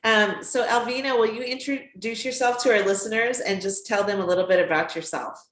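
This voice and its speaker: A woman, a children's book author and teacher, hosting an interview in a warm, affirming way with frequent "um" fillers. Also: on the high side, brisk. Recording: echoey room.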